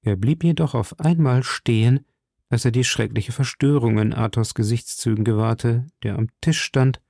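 A man narrating a classic novel in a measured, steady, deliberate way. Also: on the low side, gravelly, no room sound, clean studio sound. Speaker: audiobook narrator.

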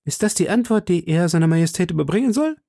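A man's voice: sits high, expressive, fast talker, gravelly, dark tone, no room sound, studio quality, pitched above the performer's own voice, exaggerated voice. A man playing a deferential court secretary. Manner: deferential, questioning. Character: court secretary, adult man, cautious and polite.

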